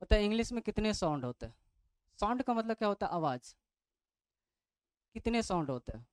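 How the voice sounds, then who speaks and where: A teacher records an online grammar class close to the mic, with a smooth, clear voice in a dry, deadened space. The teacher keeps throwing quiz questions at the students and then answers them. Each point ends with a quick check that the class has followed. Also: mid-range voice, big pitch swings, dry recording. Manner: repeats a check-in phrase meaning "got it?".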